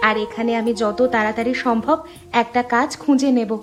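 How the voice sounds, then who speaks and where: A woman voicing a steady, dutiful elder daughter. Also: a little high, a little fast, lightly acted. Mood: reassuring. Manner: reassuring, steady. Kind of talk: cartoon story voice acting. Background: background music.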